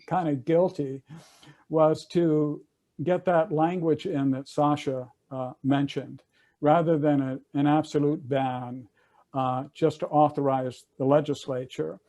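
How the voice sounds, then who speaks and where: An older male attorney on a panel speaks over a video call in a dark-toned voice that sits on the high side, with fairly even intonation and a measured pace. He recounts legal history casually, his speech loose and peppered with fillers and restarts.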